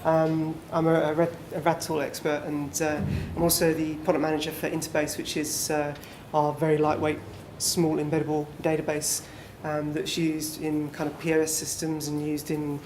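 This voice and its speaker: Presenting to a small group at a conference, a man keeps a relaxed, conversational style loaded with fillers. His pitch is fairly high, his speed normal, and he rarely pauses, with the echoey room adding faint background noise.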